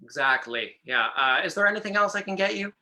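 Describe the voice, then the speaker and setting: A woman's voice: mid-range voice, lively intonation, quick pace, sharp tone. A woman reading the part of a polite, chatty young server in a live play reading. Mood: friendly. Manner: polite, chatty, slightly hesitant.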